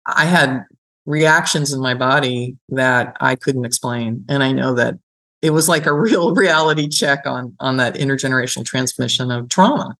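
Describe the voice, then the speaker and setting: Her voice rumbles low yet sounds fairly bright, moving at a moderate pace. She's a middle-aged gerontology professor in a conversational interview, telling personal stories reflectively and explaining as she goes, frequently asking "right?" or adding "you know."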